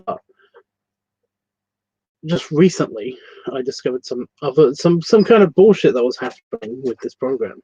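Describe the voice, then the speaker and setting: A man's voice: mid-range voice, expressive, normal speed, pauses often, mellow, a little hiss or hum. A man with a Scottish accent hosting a casual livestream art tutorial from his computer, rambling, correcting himself and swearing casually. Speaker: art class host. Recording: dry, slightly muffled lo-fi sound.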